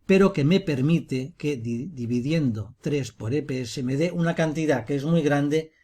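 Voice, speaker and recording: A man with a husky, slightly breathy voice walks through a screen-recorded software lesson. He explains each step patiently and methodically, at a mid pitch. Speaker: teacher.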